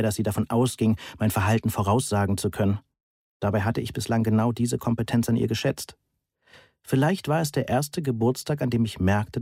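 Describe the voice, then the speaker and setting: A man reading a first-person story aloud in a measured, deadpan manner, close to the mic. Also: fairly low pitch, slightly rough, no room sound. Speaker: audiobook narrator. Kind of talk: first-person scripted narration.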